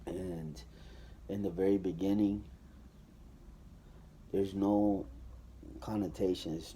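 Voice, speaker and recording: A man with a low voice gives a personal testimony. His tone is dark and mellow. He talks loosely and casually, with many fillers and restarts. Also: a little hiss or hum.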